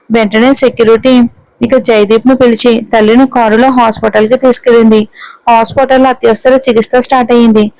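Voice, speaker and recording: Female storyteller, higher voice, flat steady delivery, dry close sound. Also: no room sound, low-quality recording. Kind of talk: scripted narration.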